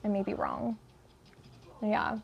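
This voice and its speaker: A woman's voice: mid-range voice, huge pitch swings, takes it slowly, vocal fry, muffled recording. A woman hosting a casual at-home livestream, chatting while she crochets, rambling and easily sidetracked, with a lot of "like". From United States. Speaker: livestream host.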